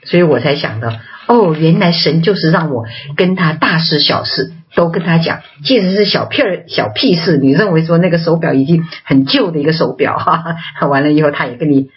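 A woman preaching a sermon, telling personal testimony in an animated, chatty way. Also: low voice, brisk, hardly any pauses, dull audio.

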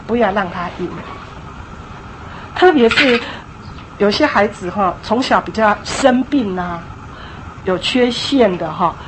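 A woman's voice: a little high, a little hiss or hum, rough recording. A woman giving an emphatic, conversational church talk on parenting, often acting out little scenes as she goes.

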